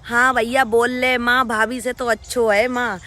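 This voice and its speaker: A young woman with a rural western Uttar Pradesh accent, from Badaun, answers her viewers' comments in a casual vlog. Her voice sits high and sounds bright and sharp. She scolds and mocks her commenters bluntly, with plenty of sarcasm. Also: flat delivery, measured pace. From Badaun, Uttar Pradesh, India. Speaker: vlogger reading viewer comments.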